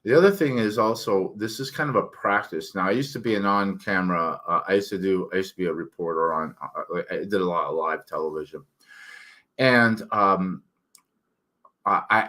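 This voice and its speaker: On the channel he hosts as an author, a middle-aged man delivers a frank, meandering, self-mocking monologue at a moderate pace. The voice is on the low side, pushed and bright, with thick, slightly slurred articulation.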